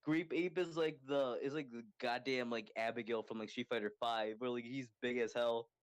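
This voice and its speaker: A man co-hosts a casual podcast chat, rambling excitedly and packing his sentences with "like". His voice sits at an ordinary male pitch. The recording is dry and close, with no room sound around him. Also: normal speed, clean tone, dry recording. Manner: rambling, excitable, filler-heavy with constant "like". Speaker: podcast co-host.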